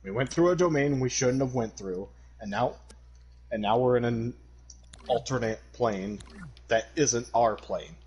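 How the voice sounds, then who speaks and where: Excitable husky-voiced man chatting on stream. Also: mid-range voice, unhurried. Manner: excitable, dramatic outbursts, rambling explanations. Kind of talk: casual stream chat.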